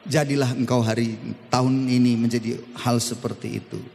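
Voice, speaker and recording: A middle-aged man preaching a lively, humorous sermon in a church, drawing call-and-response from the congregation. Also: mid-range voice, normal speed, vocal fry, slight background noise. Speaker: pastor. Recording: long church-hall reverb.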